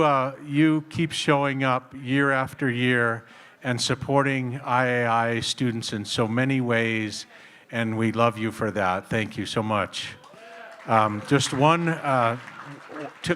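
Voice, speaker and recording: A man's voice: mid-range voice, fairly bright tone. A man working as an auctioneer, talking to a room and calling bids live. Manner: repetitive, clipped bid calls.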